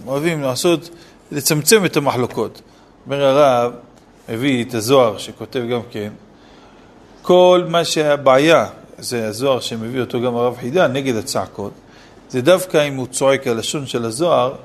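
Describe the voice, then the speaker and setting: A man, a city rabbi, giving a Torah lesson and firing off rhetorical questions with scolding asides. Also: mid-range voice. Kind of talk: Torah lesson on Selichot laws.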